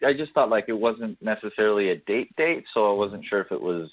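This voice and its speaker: Over a narrow phone line with no room echo, a friendly caller shares his story with a radio show in a relaxed, slightly halting way. His lowish voice is brisk, with lively intonation.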